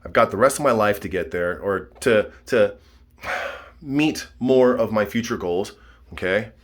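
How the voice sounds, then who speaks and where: A man's voice: on the low side, a little slow. A man in his thirties rambling casually to camera in a fitness vlog, repeating himself and checking in with "okay?" and "all right?". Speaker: fitness vlogger.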